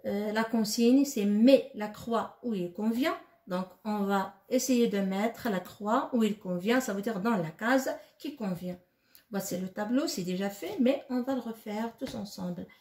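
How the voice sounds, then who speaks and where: A woman's voice: mid-range voice, a little mellow, roomy sound. A woman teaching a lesson to young children, asking questions and answering them herself. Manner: slow and repetitive, asks questions then answers them.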